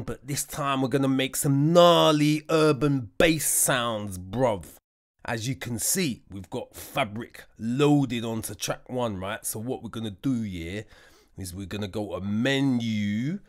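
A man giving a casual music production tutorial, joking around and mocking himself as he goes. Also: medium pitch. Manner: jokey, slangy, self-mocking.

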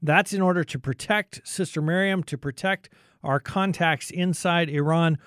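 A man's voice: fairly high pitch, normal speed, fairly bright tone, dry recording, studio quality. A man presenting and narrating a radio programme from a script as its host.

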